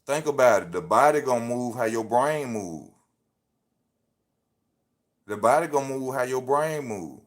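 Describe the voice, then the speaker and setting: Streaming from his phone, a man in his 30s delivers casual, slang-heavy motivation, hammering his points home preacher-style. His medium-pitched voice is expressive, his pace measured, and he leaves long pauses.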